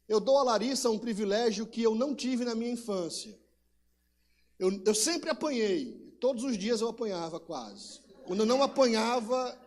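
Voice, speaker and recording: A man with a Brazilian Portuguese accent preaching a sermon, telling personal stories and repeating rhetorical questions with emphasis. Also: high-pitched. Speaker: pastor.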